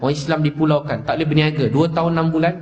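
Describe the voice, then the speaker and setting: A man with a Malaysian Malay accent preaching a sermon, telling stories with passion, repeating his phrases and rising in pitch at emotional moments. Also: steady tone, very fast, darkish tone. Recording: echoey dull lecture-hall recording.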